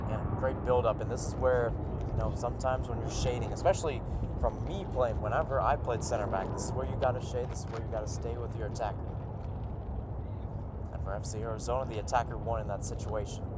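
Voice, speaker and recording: Outdoors at the field, a man calls a soccer match live on radio in short running phrases with asides. His mid-range voice is steady and fast, against heavy background noise.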